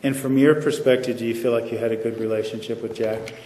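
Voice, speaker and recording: A man questioning a witness as an attorney, asking measured, leading questions, in a courtroom recording. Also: medium pitch, fairly even intonation, mellow, a little hiss or hum. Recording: echoey courtroom audio from far off.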